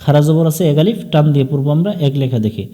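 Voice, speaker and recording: A man with a Bangladeshi Bengali accent teaches Quran recitation, spelling out letters and vowel marks before chanting each verse slowly. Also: fairly high pitch, warm tone. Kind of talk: slow step-by-step recitation lesson.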